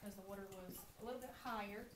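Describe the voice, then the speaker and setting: A woman's voice: mid-range voice, very fast, distant mic. A young woman working as a park ranger guide, explaining things informally and in a folksy way, with cave echo around her voice. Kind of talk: informal guided tour talk. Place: inside a cave, among a tour group. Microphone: handheld camera a few feet away. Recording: echoey cave, off-mic, noisy.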